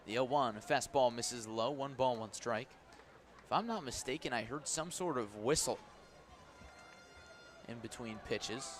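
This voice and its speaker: An unhurried, medium-pitched man with long pauses handles live play-by-play of a baseball game on radio from an outdoor ballpark, with slight background noise. His clipped, descriptive calls rise in excitement when the action heats up.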